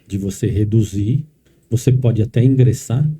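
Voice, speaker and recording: A man's voice: lowish voice, normal speed, warm tone, husky. A man hosting a podcast, asking his guest long, framing questions. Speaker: podcast host. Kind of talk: interview questions.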